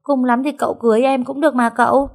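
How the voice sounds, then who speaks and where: A woman's voice: flat delivery, quick pace. Woman doing whiny young maid girl Sen. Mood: whiny pleading. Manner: high-pitched pleading, loud.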